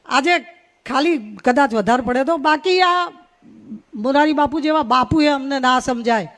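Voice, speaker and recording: Middle-aged woman, high voice, folksy humorous speaker at a village stage. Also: unhurried, fairly bright tone. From North Gujarat. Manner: folksy storytelling with rhythmic rhyming phrases. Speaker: invited speaker at a folk gathering. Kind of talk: humorous public speech.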